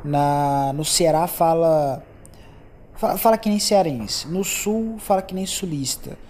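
A man's voice: fairly high pitch, takes it slowly, a little mellow, a little hiss or hum. A young Brazilian man with a Brazilian accent, hosting a solo podcast and chatting loosely as he drifts from topic to topic. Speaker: podcast host. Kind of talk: casual solo podcast chat.

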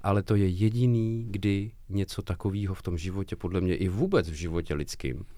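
A man co-hosting a casual podcast chat, blunt and animated, swearing freely. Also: low-pitched, dry recording. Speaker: podcast co-host.

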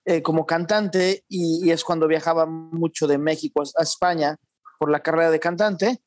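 A man's voice: fairly high pitch, steady tone, moderate pace, faint music behind. Man, thoughtful podcast guest. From born in Argentina, raised in Mexico. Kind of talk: conversational interview.

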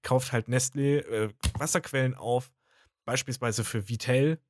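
A man's voice: medium pitch, steady tone, a little slow, slight background noise. A man chatting casually, blunt and opinionated with wry asides. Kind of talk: casual chat.

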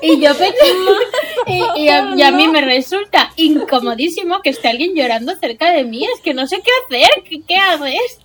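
A woman's voice: high voice, lively intonation, normal speed, a bit bright. A young woman, co-hosting a podcast and telling a story with lots of animation and laughter. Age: young adult. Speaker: podcast co-host. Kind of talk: casual chat.

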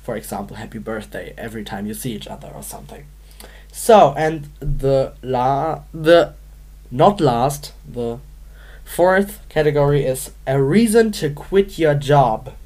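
Brief: low, unhurried woman co-host, playful and giggly, casual game chat. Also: animated, warm tone. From Manchester, England. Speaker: podcast co-host.

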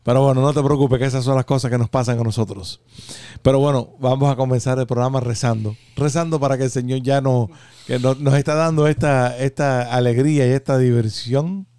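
A man's voice: mid-range voice, fairly even intonation, fairly quick, warm tone, clear, resonant tone, no echo. A man hosting a radio programme in a casual, conversational style. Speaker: radio show host. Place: radio studio. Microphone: studio microphone.

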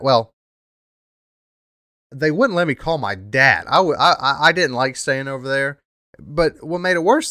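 A man's voice: medium pitch, bright, forceful tone, no room sound, clean studio sound. A young man hosting a podcast, talking casually in a rambling, profane way with lots of "um" fillers. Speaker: podcast host. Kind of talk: casual monologue.

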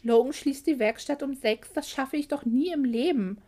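An excitable, scatterbrained young woman, lively and a bit flustered , as the woman reading aloud gives her lines. The voice is fairly high yet mellow, as in a romance audiobook. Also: normal speed.

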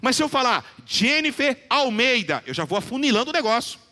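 A man preaching a sermon in a church, addressing listeners by name and quoting scripture slowly and with emphasis. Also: very high-pitched, sing-song, pushed and bright. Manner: preaches with rising emphasis, quoting scripture with slow deliberate phrasing. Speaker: pastor. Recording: long reverb of a church hall.

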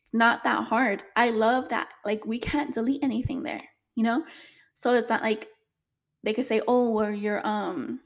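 A woman's voice: a little high, steady tone, moderate pace. A young woman, a single mother, chatting emotionally to camera in a casual vlog, full of fillers.

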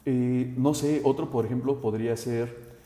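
A man who is a safety instructor, giving a direct, instructive talk to the listener, often pausing on 'eh'. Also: mid-range voice, fairly even intonation, mellow. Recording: roomy with long reverb.

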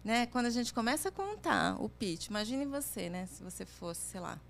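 A woman's voice: fairly high pitch, lively intonation, normal speed, vocal fry, slight background noise. A woman career coach explaining things in a chatty way, often ending phrases with tag questions. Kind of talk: conversational advice chat.

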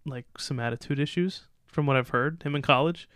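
A man with a slightly high, bright, smooth voice talks a little fast while co-hosting a relaxed sports podcast. He reads off draft picks and riffs loosely with his opinions, and the clean studio audio has no echo.

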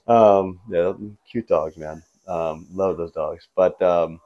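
A guest who teaches martial arts and skateboards chats casually and tells stories in laid-back frat-bro slang full of "man", "bro" and "you know". His low-pitched voice is slow and steady, and the audio sounds dull.

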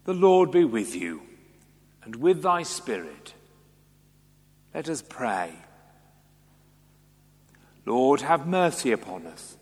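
A man's voice: mid-range voice, big pitch swings, darkish tone, husky. Man intoning prayers with cathedral echo. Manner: measured, solemn recitation. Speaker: church officiant.

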